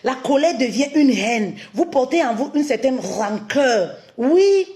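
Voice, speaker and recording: A woman's voice: sits high, big pitch swings, a little slow. A woman relationship coach giving a live-streamed talk, cutting in with emphatic affirmations and posing many rhetorical questions to her listeners. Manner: addresses listeners warmly as "my queens", repeats key phrases.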